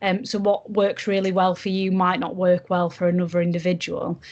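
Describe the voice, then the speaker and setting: Yorkshire woman, low-pitched and even. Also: normal speed, lo-fi sound. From Yorkshire, England. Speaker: junior barrister, podcast guest. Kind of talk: casual podcast interview.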